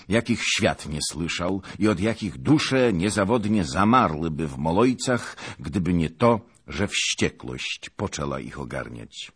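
A man's voice: low voice, breathy edge. A man dramatically narrating a historical novel in an audiobook. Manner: dramatic, slow and deliberate.

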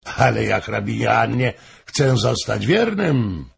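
A man's voice: medium pitch, very animated, slow pace, creaky, slight background noise, full character voice. A man reading aloud, voicing a cheerful, gallant king. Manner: gallant, courteous. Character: cheerful playful male king.

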